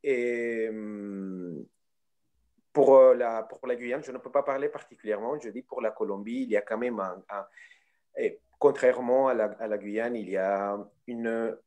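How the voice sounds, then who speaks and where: Man, mid-pitched voice, hesitant, french speaker, online panel answer. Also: measured pace, dark tone. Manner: hesitant, searching for words.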